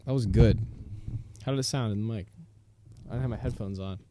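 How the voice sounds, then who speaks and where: A young man co-hosting a casual podcast, goofy and playful, quick to joke and laugh. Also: fairly low pitch, noisy background. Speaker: co-host.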